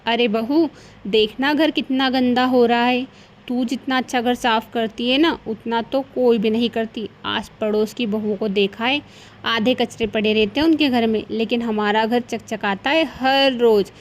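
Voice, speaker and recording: A crafty older mother-in-law, put on by a woman storyteller in a cartoon tale. She coaxes and flatters in a fairly high voice. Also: unhurried, a little hiss or hum, natural voice. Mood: coaxing. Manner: coaxing, heaps on flattery. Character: scheming sweet-talking old mother-in-law.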